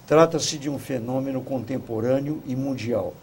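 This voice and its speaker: A man speaking as a guest commentator in a talk show debate, measured and formal. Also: mid-range voice, slight background noise.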